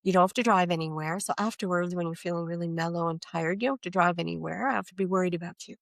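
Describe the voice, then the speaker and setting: Middle-aged woman guest, chatty and animated, acts out the voices of people in her stories, dry close sound. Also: fairly low pitch, rapid-fire, creaky, no room sound. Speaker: energy coach guest. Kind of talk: casual podcast interview.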